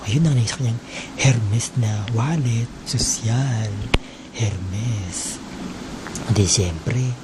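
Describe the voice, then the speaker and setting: A man's voice: mid-range voice, very slow, noisy background. A man telling a teasing, exaggerated gossip story in a casual, mocking way.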